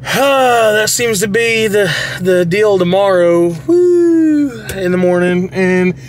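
A man's voice: high voice, lively intonation, takes it slowly, a little hiss or hum. A young man with a Texas accent, vlogging casually and sounding tired after a long day at the hospital. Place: indoors, hospital area.

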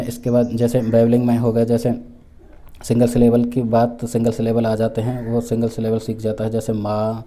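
A man from India delivers an exam-prep lecture in a deep, mellow and very dark voice. His pitch stays flat and even as he works through each point. He restates every term twice and fills the gaps with restarts. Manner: repeats each point with Hindi and English terms; many fillers and restarts, measured explaining. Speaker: teacher for exam preparation.

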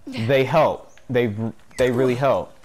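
A man giving casual commentary over a video game, cursing and reacting excitedly, talking into a headset. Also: medium pitch, slow. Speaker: gamer.

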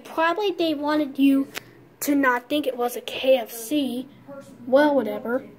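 Strolling outdoors around a closed restaurant building, a woman vlogs her casual walk-through of an abandoned building, rambling and often shrugging things off with "well, whatever." Her voice sits high, her tone is steady, and she talks a little slowly.

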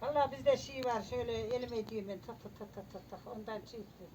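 A woman's voice: on the high side, quick pace. A woman chatting casually outdoors in a garden. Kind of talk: casual chat. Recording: distant, dull, faint outdoor noise.

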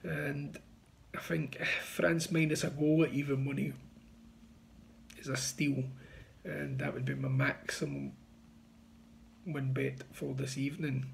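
A man's voice: medium pitch, expressive, slow pace, gravelly, pauses often, slight background noise. A man in his thirties giving casual, confident betting tips to camera from a small room, recorded on a phone. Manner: confident, chatty, pushing bets. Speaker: betting tipster. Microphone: phone front camera at arm's length.

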